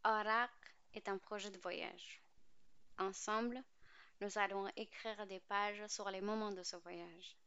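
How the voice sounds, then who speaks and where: A woman in her twenties tells her story with a smooth, clear voice and a measured, literary storyteller's delivery. She is a podcast host from Pakistan, reading scripted narration. The recording is dry and slightly dull. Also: medium pitch, fairly even intonation, pushed and bright, dry recording. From Pakistan, living in France. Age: 20s.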